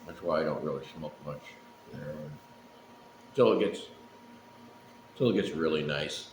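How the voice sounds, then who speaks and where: Middle aged guy w deep voice just rambling casually, pauses a lot, echoey room, bit of bg noise. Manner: laid-back, profane, unhurried with frequent pauses. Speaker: pipe-smoking vlogger. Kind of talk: casual rambling solo chat.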